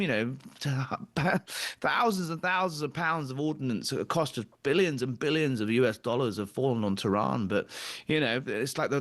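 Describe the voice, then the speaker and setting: A man's voice: a little high, a bit bright. A man hosting a political talk show from Washington, firing off indignant rhetorical questions. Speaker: host. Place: studio in Washington DC.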